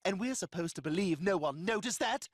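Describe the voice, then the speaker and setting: Brief: a cartoon psycho superfan, high, swooping sing-song menace, dry close sound. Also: male voice, lively intonation, fairly quick, no room sound. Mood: fussy. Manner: sing-song, mock-polite, fussy. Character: deranged obsessive male superfan, petty and menacing. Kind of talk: cartoon voice acting.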